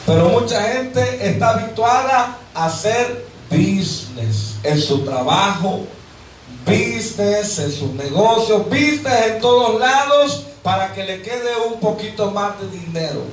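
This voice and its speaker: A Mexican man preaches in a high voice, slipping into the voices of everyday people to make his points. He is recorded from a distance in a strongly echoing church hall, with faint background noise. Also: very animated, measured pace. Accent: Mexican Spanish. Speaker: pastor. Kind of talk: sermon. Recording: echoey hall, voice from far off.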